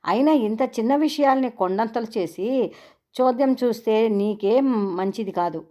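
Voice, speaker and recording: A woman's voice: on the high side, a little slow, dark tone, voice pushed up, natural voice. A woman voicing an exasperated older male college principal who scolds sternly. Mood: scolding.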